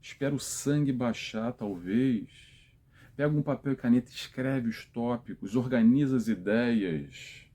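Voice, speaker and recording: A man's voice: medium pitch, a little slow, dark tone. A man hosting an informal spiritual talk, giving advice straight to viewers in a conversational way.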